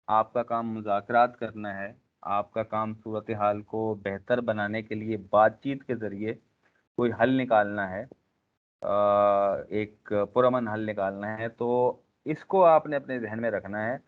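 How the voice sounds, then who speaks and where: A man with a low voice delivers a classroom lecture, stopping often to search for words and checking in with his listeners. The sound is narrow and tinny, like a phone line. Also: steady tone. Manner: frequent filler pauses, addresses class directly. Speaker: instructor.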